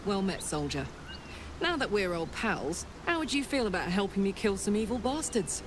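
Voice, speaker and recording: A woman plays a hot-tempered, swaggering tiefling warrior woman in a fantasy video game. She talks bluntly, like a salty veteran soldier, at a middle pitch. Clear ambient noise sits behind the voice. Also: sing-song, normal speed, natural voice. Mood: brash, confiding. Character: brash battle-hardened female tiefling warrior, hot-tempered. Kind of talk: video game character dialogue.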